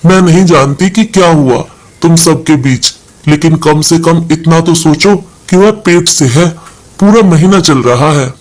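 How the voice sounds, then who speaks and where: A man's voice: a little high, a little slow, a little mellow, natural voice. A man reading the part of a stern older aunt who scolds the family.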